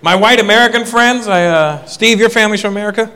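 A man's voice: high-pitched, quick pace. A man doing a stand-up routine on a comedy club stage, brash and teasing, working the crowd through a handheld mic. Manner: brash, teasing, bursts into loud cackling laughter. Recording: reverberant club with audience noise.

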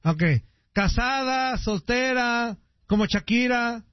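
A man hosts a call-in radio show, his voice pitched very high. He teases callers loudly and swears freely. The sound is dry and slightly dull, like a radio broadcast. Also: takes it slowly, dry recording. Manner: teasing, loud, swears freely. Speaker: radio host taking calls. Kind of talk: joking crude radio banter.

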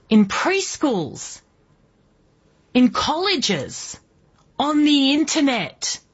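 Filling in as a political talk radio host, an Australian woman in her early forties fires off rhetorical questions in a forceful monologue. Her husky voice leans toward the high side, and the recording is muffled.

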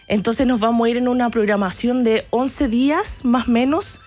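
Talkative Chilean woman, bright voice. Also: fairly high pitch, moderate pace. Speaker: travel agency press chief, guest. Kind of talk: radio interview, enthusiastic travel talk.

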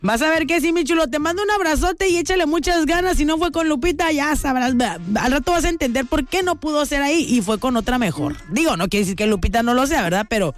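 A woman with a high, bright-sounding voice and a Mexican accent runs a call-in radio show. She talks to her listeners in an affectionate, teasing way. Faint music plays behind her. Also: animated, fast, hardly any pauses. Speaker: radio host.

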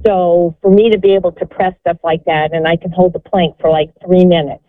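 A woman's voice: fairly low pitch, level tone, a little fast, no echo. Earnest woman in her sixties on the phone. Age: 60s. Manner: earnest, encouraging, rambling. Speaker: caller. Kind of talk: call-in show testimony. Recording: phone-line sound.

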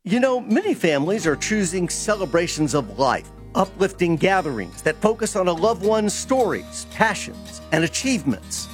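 A male radio host reading a local ad and local news in a smooth announcer delivery. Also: sits high, sing-song, moderate pace, few pauses, soft background music.

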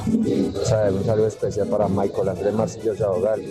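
A man calls in to a radio show, sending blessings in a steady voice. He speaks low and nearly flat. Loud music plays behind him. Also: moderate pace. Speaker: caller.

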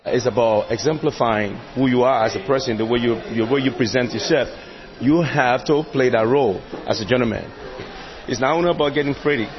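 A man from Liberia speaks in an interview in a proud, measured way. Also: mid-range voice, muffled recording.

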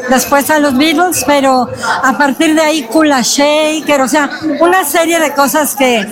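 A middle-aged Mexican woman speaks to a reporter in a high voice, talking eagerly and at length. A busy street crowd hums behind her. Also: fairly even intonation, a little slow. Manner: enthusiastic, talks at length. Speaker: interviewed fan.

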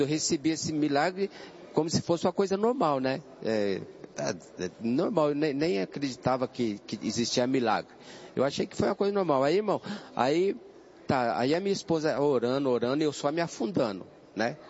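A man in his sixties giving a personal religious testimony, talking haltingly with many repeated words and calling the listener brother. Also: fairly high pitch, very animated, darkish tone, dull audio, slight background noise. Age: 60s. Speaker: church testimony guest.

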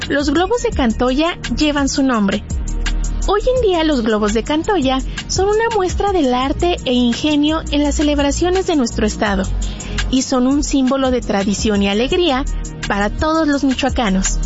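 A woman reads a scripted radio segment in a high voice. Music plays clearly beneath her. The broadcast sound is dull and lo-fi. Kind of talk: scripted narration.

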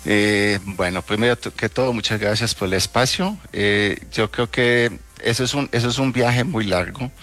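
A middle-aged travel agency owner from the Netherlands, a native Dutch speaker, answers interview questions conversationally. His lowish, slightly bright voice comes out in halting, hesitant phrasing.

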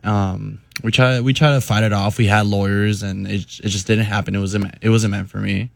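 A young man answering interview questions hesitantly, with many pauses and ums. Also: fairly low pitch, level tone, creaky, dry recording. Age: young adult. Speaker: interviewed baseball prospect.

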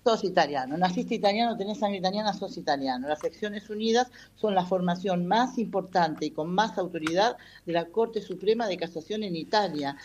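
A woman, speaking in a somewhat low voice, answers interview questions at length and fills her pauses with "este." A faint hiss sits under the recording. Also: a little mellow, muffled recording. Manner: explanatory, many hesitations with "este". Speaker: patronato representative. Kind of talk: radio-style interview answers.

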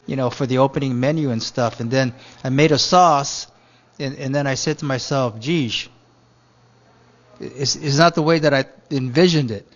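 A man's voice: medium pitch, normal speed, lo-fi sound. A middle-aged man from Japan, a chef, answering radio interview questions in a rambling way full of fillers and restarts.

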